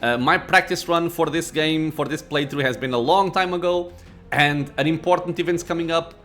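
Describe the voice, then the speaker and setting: A man's voice: on the high side, fairly even intonation, moderate pace, a bit bright. A man hosting a gameplay video, switching between casual commentary and reading the story text aloud. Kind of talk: casual game commentary and read-aloud narration.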